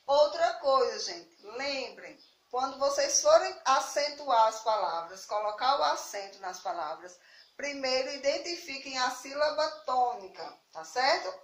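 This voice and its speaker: A woman from Brazil teaching young children in a recorded lesson, patient and repetitive, checking understanding often and sounding words out slowly. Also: sits high, lively intonation. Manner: patient, repeats points and checks understanding with "tá certo?". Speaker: primary school teacher. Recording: echoey room.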